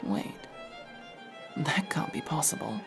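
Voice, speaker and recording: The performer's natural voice moves slowly as the guarded, sardonic masked elf rogue, offering hesitant asides to the listener in a wry, casual ASMR roleplay. Music plays in the background.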